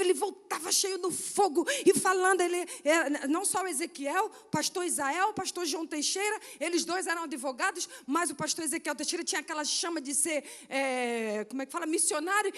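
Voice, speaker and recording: High-voiced Brazilian woman preaching in a church. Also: in a large hall. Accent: Brazilian Portuguese, Rio de Janeiro. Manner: animated storytelling, acts out quoted voices, frequent "né?" and "amém?". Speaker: guest missionary speaker. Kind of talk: testimony sermon. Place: church sanctuary.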